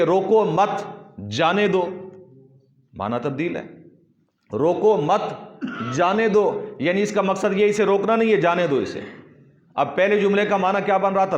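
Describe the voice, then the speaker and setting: A man with a Pakistani Urdu accent delivers a religious lecture as a mufti, his voice sitting a little high for a man. He explains patiently, step by step, and repeats key phrases slowly so they sink in. The sound rings in a roomy, echoing space. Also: lo-fi sound. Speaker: mufti giving religious instruction.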